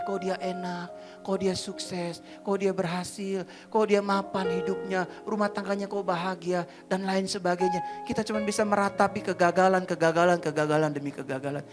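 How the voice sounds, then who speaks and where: A woman pastor preaching a sermon, moving from quiet prayerful passages to loud, fervent exhortation. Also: mid-range voice.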